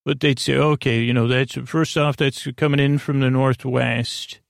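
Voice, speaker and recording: On his sleep podcast, this host wanders through a soothing, halting monologue, his gravelly, creaky voice trailing off mid-thought. His pitch is medium and his intonation fairly even. The studio-quality audio has no echo.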